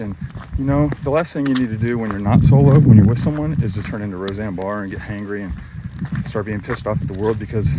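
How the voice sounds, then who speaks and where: A middle-aged man with a fairly low voice, talking casually to his camera out on a forest trail. He rambles along in a chatty, self-deprecating way. Clear outdoor noise runs under his voice. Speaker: hiking vlogger. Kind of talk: casual vlog talk to camera.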